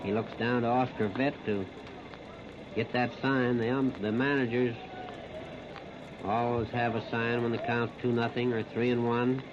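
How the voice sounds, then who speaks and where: An American man calls live baseball play-by-play on the radio from an outdoor ballpark, using short, plain-spoken, folksy phrases. His medium-pitched voice moves little in pitch and keeps a measured pace. The 1930s broadcast recording is noisy and muffled.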